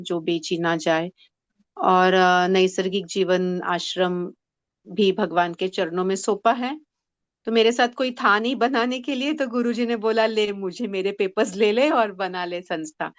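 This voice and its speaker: A woman's voice: lowish voice, no room sound, lo-fi sound. A woman leading a spiritual workshop session, patiently explaining in Hindi mixed with English phrases. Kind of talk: teaching a group session.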